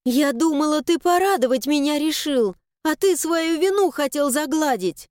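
A woman voicing Mila, a stubborn young village girl, with a high, indignant, pleading delivery in an audiobook. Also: expressive, normal speed, a little mellow, dry recording, clean studio sound. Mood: furious. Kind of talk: audiobook character voice.

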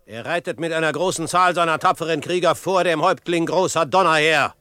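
A man's voice: fairly high pitch, fairly quick, pushed and bright, dry recording, clean studio sound. An actor playing a bold, self-assured frontiersman in a radio drama, speaking in a commanding, formal, declamatory way. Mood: proud, threatening. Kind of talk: German radio drama acting.

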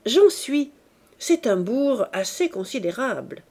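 A woman's voice: on the high side, big pitch swings, slow pace, darkish tone, heavily acted. A woman voicing a fussy chattering old aunt. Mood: chatty. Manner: soothing, chattering. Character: older woman, fussy retired embroiderer aunt.

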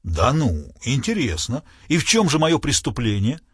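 A man's voice: medium pitch, wildly swooping pitch, moderate pace, slightly rough, no room sound, studio quality. A man reading an audiobook, playing a witty lawyer who needles a policeman with ironic courtesy. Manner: ironic, thoughtful, teasing. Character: witty, sardonic male lawyer, mock-polite.

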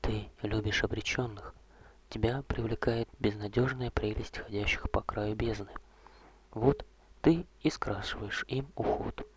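A man doing a hushed old vampire courtier. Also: on the low side, fairly even intonation, crowd noise, close to an everyday voice. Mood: calm. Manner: soft, slow, hushed, often whispered. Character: old male vampire courtier, gentle, weary, ironic.

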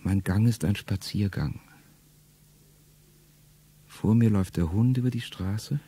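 Speaking a little slowly, a middle-aged man gives a first-person monologue for a radio play. His husky, warm voice stays low and intimate, frequently dropping to a whisper.

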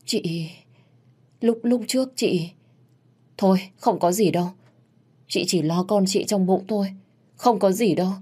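A woman's voice: mid-range voice, slow pace, long pauses, a little mellow, husky, pitched above the performer's own voice. A woman voicing a frightened pregnant young woman who stammers and trembles. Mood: fearful.

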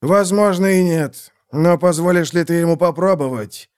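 A man's voice: a little high, normal speed, a little mellow, clean tone, no echo, clean studio sound, voice pushed up, natural voice. A man voicing a grave, righteous old male templar knight in an audiobook.

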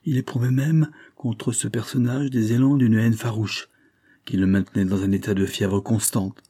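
A man's voice: fairly even intonation, moderate pace, dark tone, breathy edge. A man reading a classic novel aloud, lifting his voice for the characters' dialogue. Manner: voices characters' dialogue with raised pitch and force. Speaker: audiobook reader.

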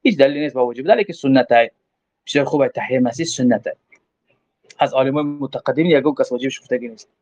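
A man's voice: medium pitch, a little mellow. A man with a Tajik accent teaching from a religious text, quoting Arabic phrases and explaining them, often asking himself questions before answering. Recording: dull lo-fi recording.

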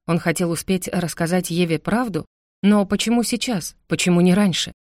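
A woman's voice: lowish voice, moderate pace, a little mellow, no echo, studio quality. A woman narrating a first-person novel with an intense, emotional reading. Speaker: audiobook narrator.

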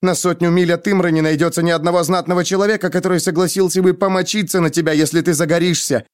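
A male audiobook reader voicing a proud, quick-tempered young woman who speaks in a sharp, scornful, heated way. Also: high voice, steady tone, clear, resonant tone, no room sound, clean studio sound, pitched above the performer's own voice, close to an everyday voice. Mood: furious. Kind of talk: audiobook character reading.

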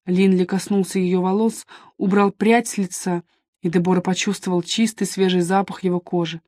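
A woman narrating an audiobook in an even, measured reading style. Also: on the low side, no room sound, studio quality. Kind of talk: scripted narration.

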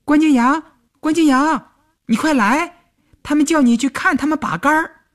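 A man voicing a lively teenage girl soldier who cries easily, speaking high and childish in a storybook reading. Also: normal speed. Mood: calling out.

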